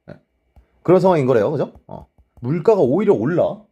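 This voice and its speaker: A man teaching an exam-prep lecture, talking casually and checking in with his students all the time with quick tag questions. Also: fairly high pitch, big pitch swings, dark tone, slightly rough, highs cut off, soft background music. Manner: mixes polite and plain speech; many short filler replies to himself.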